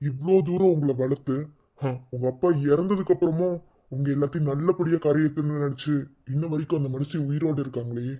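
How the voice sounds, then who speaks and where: A man's voice: on the high side, fast, warm tone, dull audio, natural voice. A man voicing a young son-in-law in a cartoon, soothing and reassuring but firm when he has to be. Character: young son-in-law, calm and protective, stern when needed. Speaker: son-in-law comforting the family.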